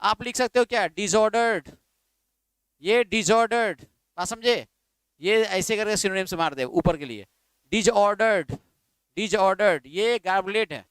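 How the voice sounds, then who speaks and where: A man's voice: sits high, normal speed, long pauses, a bit bright, clear, resonant tone, dry recording. Man teaching English vocabulary. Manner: repetitive, drilling, asks students to write words down. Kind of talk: classroom lecture in Hindi with English terms.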